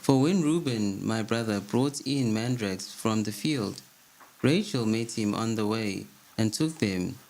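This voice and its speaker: A man reading an old religious text aloud at a steady, measured pace as a co-host. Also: on the low side, creaky, low-quality recording.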